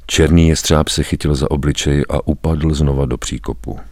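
A man reading a story aloud as a narrator, grave and measured, with weighty pauses. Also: very deep voice, fairly even intonation, heavy background noise. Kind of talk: dramatic audiobook narration.

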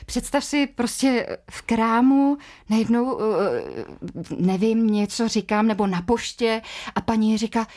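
A middle-aged woman, an actress and dubbing artist, chatting in a radio interview and telling stories with quoted voices. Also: fairly high pitch. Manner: chatty, lively storytelling with fillers and quoted voices. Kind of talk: conversational interview.

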